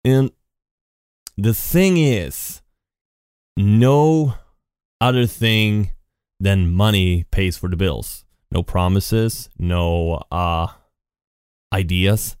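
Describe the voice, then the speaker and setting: Talking unscripted into a studio podcast mic with effects at his home computer, this podcast host wanders through his solo monologue, restarting often and leaning on "and." His deep, slightly mellow voice is clear and resonant, delivered very slowly with long pauses. The sound is dry and studio quality.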